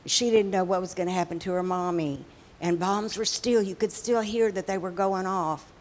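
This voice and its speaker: A woman telling a story in a sermon, slow and expressive, with dramatic pauses. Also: lowish voice.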